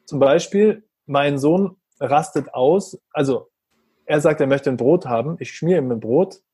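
A man with a slightly husky, fairly high voice talks earnestly in a relaxed conversation. He plays out little exchanges with his young son as he explains his view of parenting, and the recording is dry and close. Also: unhurried, no room sound. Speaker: parent talking about parenting. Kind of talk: reflective conversational talk.

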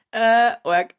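Chatty Austrian woman, slightly high voice. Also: a bit bright. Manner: laughs often, nervous and chatty. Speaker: radio show regular. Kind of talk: casual studio banter, telling a joke.

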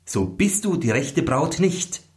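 A man's voice: fairly high pitch, big pitch swings, slow pace, darkish tone, pitched above the performer's own voice. A man voicing a young prince who questions firmly and insists. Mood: suspicious.

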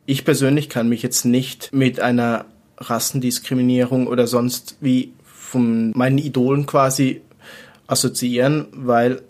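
A young man who plays jazz answers in an interview at a mid pitch. He speaks hesitantly, building his sentences piece by piece. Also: little pitch movement, measured pace, darkish tone. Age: young adult. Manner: hesitant, piecing sentences together. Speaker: jazz musician.

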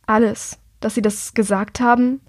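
A woman's voice: fairly high pitch, little pitch movement, normal speed, no echo, clean studio sound, lightly acted. A woman narrator voicing a hurt, blunt young man who speaks emphatically. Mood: earnest.

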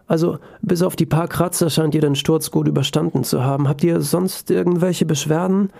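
A man's voice: on the high side, fairly even intonation, moderate pace, vocal fry, mellow. A man voicing a practical female paramedic in a story, speaking reassuringly.

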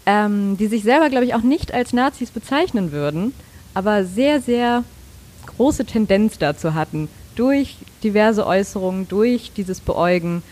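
A woman's voice: medium pitch, expressive, a little slow, a little mellow. A woman with a mid-range voice speaks her mind on a podcast, earnest and thoughtful in her casual chat. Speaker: podcast co-host.

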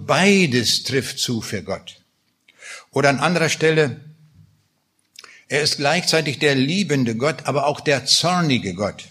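A man preaching a sermon, emphatic and slowing down on key phrases as he quotes scripture. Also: mid-range voice, pushed and bright, breathy edge.

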